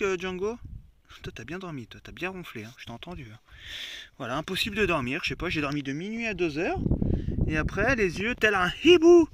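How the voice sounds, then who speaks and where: A man from France records a casual outdoor vlog, talking freely to viewers and his dogs. His voice sits high and sounds bright. Faint noise hums behind him. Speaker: van-life vlogger. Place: outdoors by a lake with his van.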